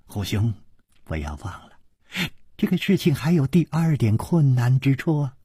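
A man doing a soft-spoken, scheming nobleman. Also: medium pitch, sing-song, moderate pace, breathy edge, no room sound, clean studio sound. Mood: sly. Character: smooth, scheming young nobleman's son.

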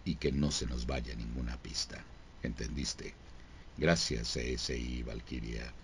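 A man voicing a stern crime-scene investigation boss from a dubbed TV drama, measured, hushed and commanding. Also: a bass voice, steady tone, breathy edge, no echo, voice pushed down, full character voice. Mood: grave, commanding.

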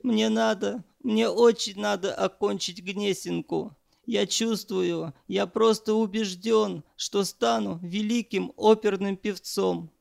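A man's voice: fairly even intonation, unhurried, creaky, dry recording, studio quality, heavily acted. A man voicing a cowardly young trainee who keeps crying and pleading. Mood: sobbing plea. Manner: pleading, tearful, high-strung.

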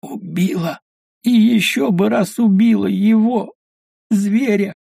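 A man voicing a young peasant woman buried alive, pleading and wailing in a high strained voice. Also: slow pace, warm tone, husky, no echo, studio quality, exaggerated voice. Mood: hateful.

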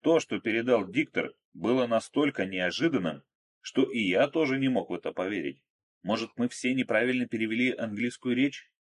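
A man narrating an action story in a steady, measured, dramatic reading. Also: mid-range voice. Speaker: audiobook narrator.

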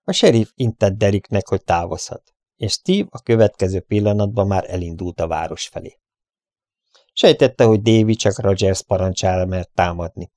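Low-voiced man reading an audiobook. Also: no room sound, studio quality. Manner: even, storytelling. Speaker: audiobook narrator. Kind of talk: scripted narration.

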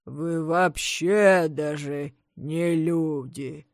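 A woman voicing a big, hungry, grumbling male bear in a storybook, speaking slowly and low in a growl. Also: fairly even intonation, no echo, clean studio sound, full character voice. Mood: gruff. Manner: slow, low growling delivery.

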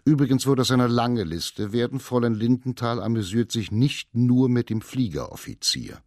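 A man voicing a cold, haughty male actor who speaks slowly, quietly and cuttingly in a radio reading. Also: mid-range voice, expressive, dry recording, clean studio sound, natural voice. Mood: icy.

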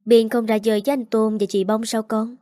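A woman reading the part of a caring young stepmother, gentle with a child and firm with adults. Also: a little high, flat delivery, fairly quick, dry recording, studio quality, lightly acted. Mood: tender.

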